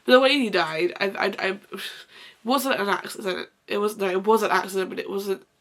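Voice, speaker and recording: A young woman talks casually about favourite books with a blocked-up, nasal sound. Her voice has a gravelly, creaky edge. She rambles and corrects herself, gushing as she goes. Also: medium pitch, fairly quick, a bit bright. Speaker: book vlogger. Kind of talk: casual chat.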